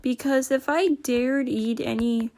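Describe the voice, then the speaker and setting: Slow-talking woman telling a personal story. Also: sits high, steady tone, darkish tone. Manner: rambling, informal, slangy. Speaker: storyteller recounting a personal experience.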